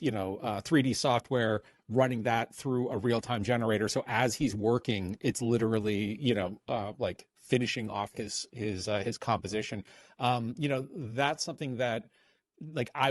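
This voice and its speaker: A man talking as a podcast guest in casual interview chat, rambling with many fillers and restarts. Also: mid-range voice.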